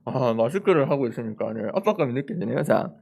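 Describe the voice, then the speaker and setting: A man giving a chapel sermon to a live audience, animated, joking with listeners and acting out the disciples' questions. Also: medium pitch, quick pace, gravelly. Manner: animated, acts out the disciples' questions in lively voices; jokes with the audience. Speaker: campus ministry speaker.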